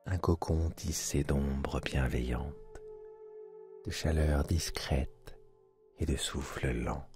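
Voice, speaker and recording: A man guiding a sleep hypnosis in a soft, hushed, soothing voice, intimate and close, as if right in your ear. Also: a bass voice, fairly even intonation. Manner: soft, hushed, soothing delivery with measured pauses. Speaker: hypnosis channel host and guide. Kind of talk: guided sleep hypnosis narration. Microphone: close microphone, binaural recording. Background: soft background music.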